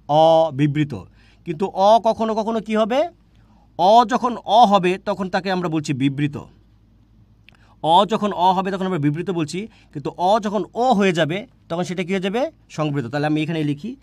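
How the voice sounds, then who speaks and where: A man's voice: high-pitched, no room sound. A man teaching a grammar class online, repeating points and asking questions he answers himself. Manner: repetitive, asks questions and answers them himself.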